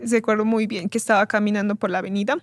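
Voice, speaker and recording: A young woman giving an earnest, emotional personal testimony as an interview guest, speaking haltingly and often repeating words. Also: medium pitch, fairly even intonation. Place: church recording studio.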